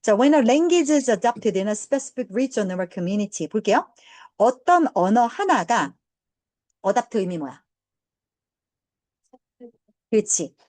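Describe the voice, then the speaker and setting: A woman English teacher lecturing a high school class, drifting into chatty personal stories. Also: very animated, a little mellow, dry recording. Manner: chatty, banmal asides, quick tangents. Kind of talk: lecture mixed with casual storytelling.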